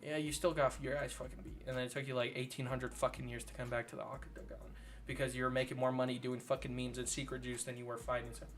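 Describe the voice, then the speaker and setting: A man's voice: mid-range voice, flat delivery, fast talker. A man hosting his own channel, ranting about fighters in casual, sarcastic commentary full of swearing. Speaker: channel host.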